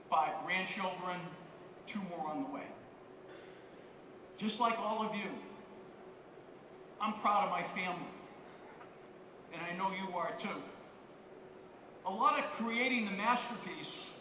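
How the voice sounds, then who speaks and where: Guy in his 50s doing a fired-up keynote, sharp voice, sounds far from the mic. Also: high voice, a little hiss or hum. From United States. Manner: emphatic, repeats key phrases. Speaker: keynote speaker. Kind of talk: motivational keynote speech. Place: large conference hall on stage. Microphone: headset mic. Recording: roomy hall reverb, heard from far off.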